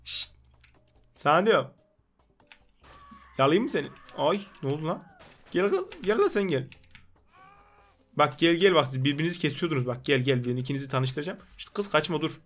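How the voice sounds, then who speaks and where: A young man with a high voice gives rowdy, excited gameplay commentary. He jokes and scolds the game characters in a put-on comic street manner. Faint music plays beneath his voice. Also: moderate pace, long pauses. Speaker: gaming YouTuber.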